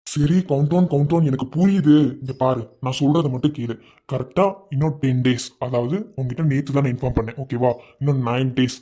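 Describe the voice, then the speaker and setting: A man's voice: a little high, mellow, husky. A man voicing a young man working abroad in a cartoon love story, soothing and insisting that his partner trust him.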